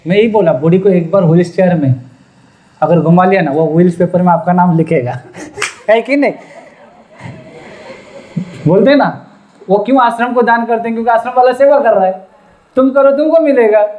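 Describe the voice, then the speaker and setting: A man with a notably high voice tells a moral tale in a sermon. He slips into the voices of his characters and keeps stopping to ask his listeners questions. He talks in a humble, self-deprecating way. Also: moderate pace, long pauses, a little mellow. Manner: acts out quoted characters and quizzes the audience; apologetic, humble asides. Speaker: preacher. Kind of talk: storytelling sermon.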